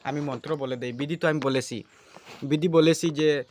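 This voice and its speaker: A man's voice: on the high side, steady tone, normal speed, darkish tone, slight background noise. A man giving casual spoken instruction for his channel, earnest and repeating himself. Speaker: channel host teaching a ritual.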